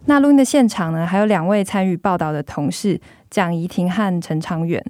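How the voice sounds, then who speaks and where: A woman's voice: fairly low pitch, fairly quick, a little mellow, no room sound, clean studio sound. A woman with a Taiwanese accent hosts a podcast as a journalist, speaking through a face mask. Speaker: magazine journalist hosting a podcast. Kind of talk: podcast hosting, semi-scripted narration and discussion.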